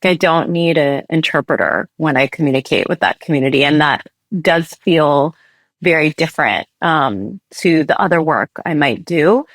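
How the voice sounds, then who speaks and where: A woman raised in the United States, a human rights litigator answering interview questions in an earnest, measured way. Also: deep voice, expressive, no echo. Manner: earnest, measured, thoughtful with restarts.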